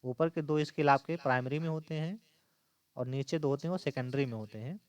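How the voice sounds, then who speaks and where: A man's voice: a little high, brisk, smooth. A man teaching an exam-prep lesson, explaining step by step and repeating key points.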